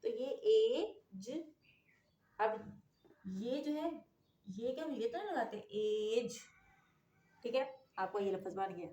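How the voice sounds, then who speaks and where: With a warm, medium-pitched voice, this woman speaks slowly and pauses often as she explains a phonics lesson in classroom style. She's a patient English phonics teacher who repeatedly asks "okay?", recorded in an echoey room with faint noise.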